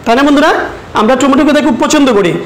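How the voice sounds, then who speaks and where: A woman teacher with a Bangladeshi accent, leading a recorded English lesson for children, repeating each word slowly and switching between English and Bengali. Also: high-pitched, echoey room, rough recording. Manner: slow, repeats words, mixes English and Bengali. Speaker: primary school English teacher.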